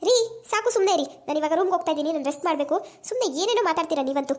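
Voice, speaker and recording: A woman's voice: extremely high pitch, expressive, rapid-fire. A woman playing a hot-tempered, protective mother who scolds her husband in an amateur village family drama. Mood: exasperated. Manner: scolding, exasperated. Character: fiery protective mother, quick to anger.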